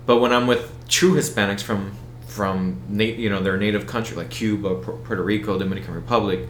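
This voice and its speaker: A man's voice: fairly low pitch, steady tone, a little fast, roomy sound, a little hiss or hum. A man with an American accent, talking casually as an interview guest and circling back through his sentences. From United States. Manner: rambling, many restarts and fillers. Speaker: event organizer, guest.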